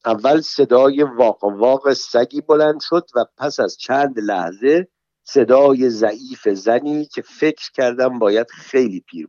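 Guy reading a first-person audiobook, calm and measured, close dry mic, kinda dull lo-fi sound. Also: mid-range voice, no room sound. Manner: calm, measured, plain storytelling. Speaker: narrator.

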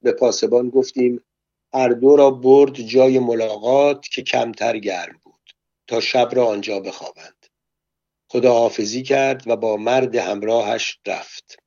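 A man narrating a story aloud in a calm, measured way. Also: mid-range voice, no room sound, highs cut off.

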